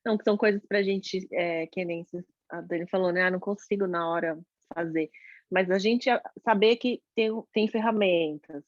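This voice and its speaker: A woman's voice: on the low side, moderate pace, dry recording. Woman, dull dry lo-fi sound. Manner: thoughtful, hesitant, many restarts. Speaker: book group member. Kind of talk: casual group discussion.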